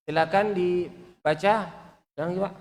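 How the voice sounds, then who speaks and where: A man's voice: sits high, steady tone, unhurried. A man teaching Quran recitation, patiently repeating sounds for students to copy. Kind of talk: online recitation class. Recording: long reverb.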